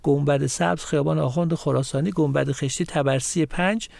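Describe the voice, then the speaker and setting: A man's voice: fairly high pitch, fairly even intonation, creaky, a little mellow, no room sound. A man from Mashhad, a guest on a studio talk show, explaining local culture and reeling off long lists of places and words. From Mashhad, Iran.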